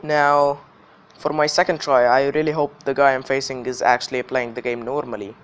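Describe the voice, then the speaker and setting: A man's voice: medium pitch, level tone, moderate pace, smooth, dull audio. A man hosting a gaming video with casual gameplay commentary, his voice slightly affected by illness. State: slightly ill voice.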